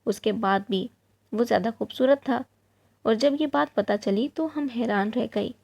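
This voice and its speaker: A woman narrating an emotional moral story in the first person, in an earnest, steady storytelling tone. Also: on the high side, gravelly.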